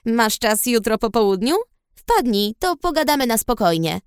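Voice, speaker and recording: An easygoing young barman in a storybook reading, voiced by a woman who keeps close to her own voice. He sounds playful and relaxed, and teases a little. The sound is dry and close. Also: a little high, moderate pace, smooth, no echo, voice pushed up. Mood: friendly. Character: friendly young male barman.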